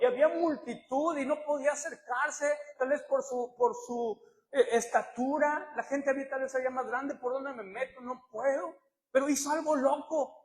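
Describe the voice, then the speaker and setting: A man with a Mexican Spanish accent preaching a sermon as pastor, in an animated style that swings from quiet asides to loud cries. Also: very high-pitched, big-room sound.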